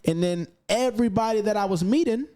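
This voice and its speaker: A man talking as a podcast guest, telling a story in an animated, emphatic way and swearing freely. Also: sits high, fairly quick, clear, resonant tone. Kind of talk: casual storytelling chat.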